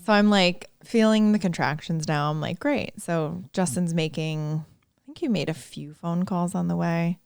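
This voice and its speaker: A woman in her thirties with a low, gravelly voice tells a story on her podcast in a loose, chatty way. She laughs often and slips into quoted voices. The sound is close and dry. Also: steady tone, normal speed, darkish tone, no room sound. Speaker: podcast host. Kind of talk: casual storytelling chat.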